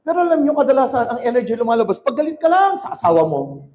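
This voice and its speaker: A male pastor preaching a sermon in a church hall, shouting and calling on the crowd to answer back. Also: very high voice, sing-song, fast talker. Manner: shouting, rousing, calls for crowd response. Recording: dull lo-fi recording.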